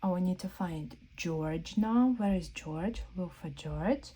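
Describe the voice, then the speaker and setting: Leading little ones through a picture book, this storyteller asks slow questions and plays up a sense of wonder. She has a mellow voice with a breathy edge and a very animated pitch in her interactive read-aloud.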